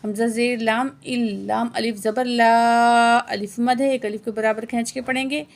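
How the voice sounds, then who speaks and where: A woman teaching Quran tajweed word by word. She spells out each letter and vowel mark, chants the words slowly and drawn out, and answers her own quiz questions in quick, quieter asides. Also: on the high side, steady tone, vocal fry. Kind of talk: word-by-word recitation lesson.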